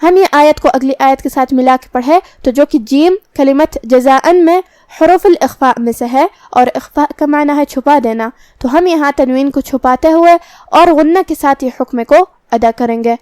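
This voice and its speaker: A woman teaching Quran recitation, explaining each letter patiently and reciting verses slowly and precisely. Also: high-pitched, a little mellow, dry recording, studio quality. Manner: precise, patient, drawn-out articulation of each sound. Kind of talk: slow, careful tajweed lesson with recitation.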